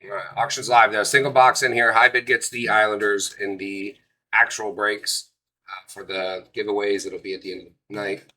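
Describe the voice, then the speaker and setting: Guy hosting a card break stream, casual sales patter, flat delivery, kinda sharp bright voice. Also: lowish voice, normal speed, poor audio.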